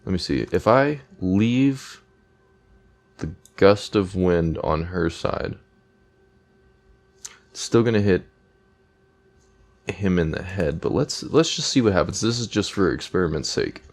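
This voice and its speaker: Low-pitched male gamer, reads game text aloud, chats between lines. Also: lively intonation, slow, long pauses. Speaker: let's play gamer. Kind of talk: game playthrough commentary, reading text aloud.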